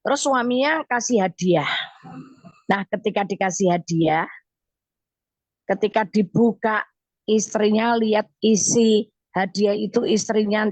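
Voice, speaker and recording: A woman evangelist, teaching from the Bible on a radio show and telling stories with deliberate emphasis. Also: medium pitch, a little mellow, dry recording. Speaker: evangelist guest speaker. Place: radio studio.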